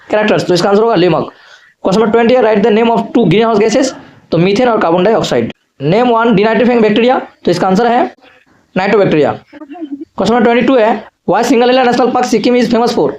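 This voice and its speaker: A man teaching an exam revision lesson, mixing Hindi and English, reading each question slowly and then rattling off the answer quickly. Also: high-pitched, a little mellow.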